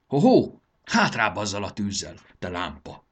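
A man voicing a fussy, cheerful old male gurgó in a storybook reading, his voice pushed high and excitable. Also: breathy edge. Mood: cranky. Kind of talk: audiobook character voice.

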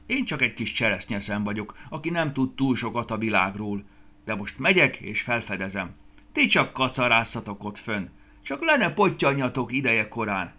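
A man's voice: medium pitch, big pitch swings, pushed and bright. A man voicing a curious, touchy little boy cherry in a children's storybook reading. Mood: proud. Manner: eager, proud, a bit touchy.

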